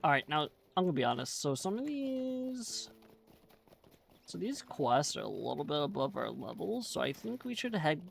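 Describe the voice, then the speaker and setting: Lively, gravelly-voiced gamer reading quests. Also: medium pitch, a little fast, hardly any pauses, slight background noise. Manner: easygoing, self-mocking, thinks aloud. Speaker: gamer streaming a playthrough. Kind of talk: casual gameplay commentary, reading quest text aloud.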